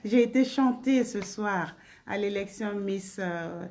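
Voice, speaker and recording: A woman's voice: medium pitch, takes it slowly, darkish tone. A woman singer hosting a casual live stream, greeting viewers by name and blowing them kisses between remarks.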